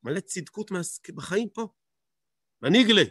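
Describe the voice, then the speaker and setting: A man's voice: high voice, lively intonation, a bit bright, husky, dry recording, clean studio sound. A man teaching a Torah lesson, emphatic, asking rhetorical questions and repeating words for stress.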